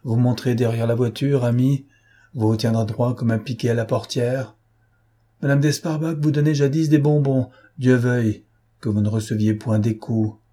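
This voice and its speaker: A man voicing a gentle young woman servant who speaks softly and with gentle reproach in an audiobook. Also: medium pitch, fairly even intonation, normal speed, breathy edge, lightly acted. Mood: tender, rueful. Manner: soft, pleading and gently reproachful. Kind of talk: audiobook character voice.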